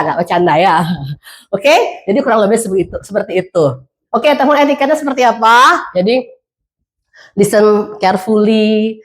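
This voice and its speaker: A middle-aged woman from Indonesia with a Balinese accent, giving a lively classroom lecture, mixing in English phrases and questioning her students. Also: medium pitch.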